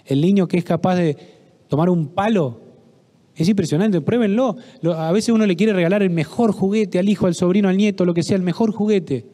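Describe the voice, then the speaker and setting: A middle-aged man with an Argentine Spanish accent addresses a parish audience. His voice sits a little high yet sounds dark and mellow. He tells anecdotes, acts out the people in them and turns to the listeners with questions. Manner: storytelling, acts out dialogue, asks audience questions. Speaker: psychologist giving a parish talk. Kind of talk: conference talk with anecdotes. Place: parish hall.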